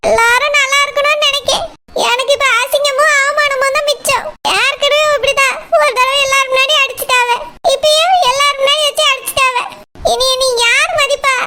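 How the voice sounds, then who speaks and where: A proud, humiliated cartoon elder daughter-in-law pours out complaints, as a woman acts her out. The voice is very high and bright. Faint noise sits underneath. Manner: aggrieved, complaining.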